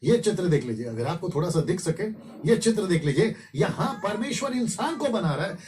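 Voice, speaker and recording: A man's voice: sits high, very animated, a little fast, a little mellow. A man preaching an evangelistic sermon, exhorting his listeners and repeating his phrases for emphasis. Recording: distant mic with faint background noise.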